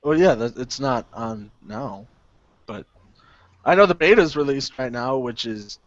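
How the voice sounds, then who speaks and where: A man's voice: mid-range voice, lively intonation, unhurried, dry recording. A man chatting casually on a podcast, swearing and laughing as he rambles. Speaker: podcast co-host. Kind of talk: casual chat. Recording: dull lo-fi sound.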